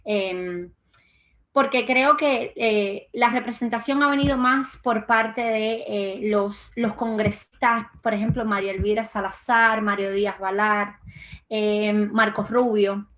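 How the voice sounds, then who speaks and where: A woman's voice: medium pitch, fairly even intonation, takes it slowly, fairly bright tone. A young woman from Cuba, a guest in a political interview, speaking with frequent fillers and restarts. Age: young adult. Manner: hesitant, many fillers and restarts. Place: lives in Florida.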